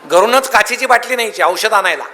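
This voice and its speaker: Male motivational speaker with a sharp, bright tone, full of lively storytelling, recorded in a big reverberant hall. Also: high-pitched, a little fast. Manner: lively storytelling with comic anecdotes. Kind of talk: humorous public speech.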